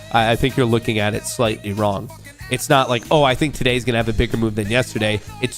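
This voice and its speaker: A young livestream host jokes around loosely and talks straight to his chat in a medium-pitched voice. A cold he's getting over leaves it gravelly, fry-tinged and slightly nasal. Soft music plays faintly behind him.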